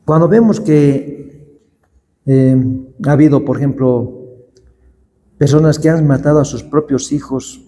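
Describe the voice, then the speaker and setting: A male pastor preaching a sermon, reading scripture slowly and deliberately. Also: a little high, warm tone, slight background noise. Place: church hall. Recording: long hall reverb.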